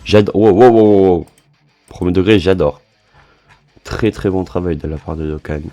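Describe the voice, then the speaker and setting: A young man commentating a gaming reaction video, swinging from low muttering to excited yelling. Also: moderate pace, dry recording, highs cut off, faint music behind. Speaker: gaming content creator reacting.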